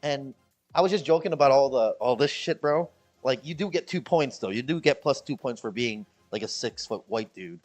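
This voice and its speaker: Faint music plays behind an expressive Chicago man speaking at a moderate pace, Midwestern American accent clear, as he streams from the Philippines. His casual joking talk wanders and repeats, and he imitates people in high voices.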